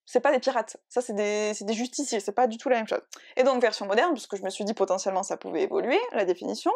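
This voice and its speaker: A woman's voice: medium pitch, fast, creaky, a little mellow. A woman chatting casually to camera as a book and art vlogger, bubbly and rambling, correcting herself as she goes and laughing often.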